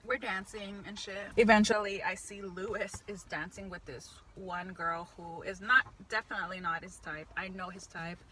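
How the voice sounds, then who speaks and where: A woman's voice: medium pitch, steady tone, moderate pace, few pauses, a bit bright, slight background noise, low-quality recording. A young woman telling a casual, slangy story as she eats, chewing while talking. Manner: slangy, chatty. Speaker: vlogger.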